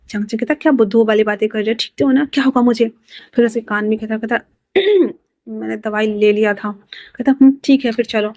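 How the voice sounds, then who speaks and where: A woman's voice: a little high, dry recording. Chatty woman narrating a story, dry close mic. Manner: chatty, breaks in with own excited asides. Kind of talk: casual fan-fiction narration with character lines.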